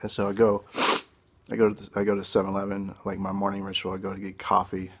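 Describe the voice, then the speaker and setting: A young man telling his own story as an earnest, halting and emotional personal testimony, recorded on a phone camera. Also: low-pitched, completely flat delivery, creaky, breathy edge.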